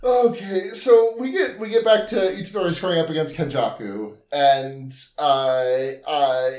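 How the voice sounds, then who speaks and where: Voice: medium pitch, measured pace, darkish tone, roomy sound. A podcast co-host recapping an anime episode in casual chat, laughing often and leaning on filler words.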